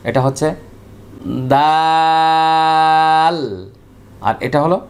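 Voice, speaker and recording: A man teaching Quran recitation with a Bangladeshi Bengali accent, drilling Arabic letters slowly and repeating each sound with care. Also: medium pitch, lively intonation. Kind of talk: slow, careful pronunciation lesson.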